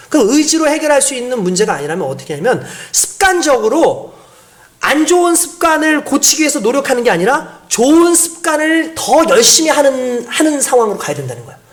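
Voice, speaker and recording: Animated woman preaching a sermon. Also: a little high. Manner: explanatory, asks the congregation rhetorical questions. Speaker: pastor.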